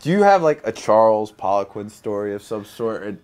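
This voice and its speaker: A man's voice: lowish voice, big pitch swings, moderate pace, darkish tone, smooth. A man co-hosting a podcast, talking in a loose, joking way with lots of fillers. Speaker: podcast co-host. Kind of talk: casual chat.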